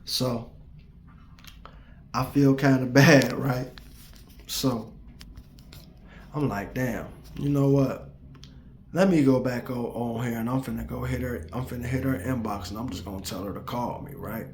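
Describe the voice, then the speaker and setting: A man in his forties telling a story straight to his viewers, profane and animated. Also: mid-range voice, measured pace, pauses often, echoey room, a little hiss or hum. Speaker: vlogger. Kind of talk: casual storytelling rant to viewers.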